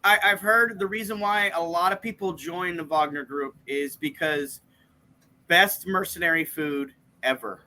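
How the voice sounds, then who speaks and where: A man's voice: a little high, unhurried, bright, forceful tone, slight background noise. A man co-hosting a casual comedy news chat, riffing and rambling. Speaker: comedian co-host.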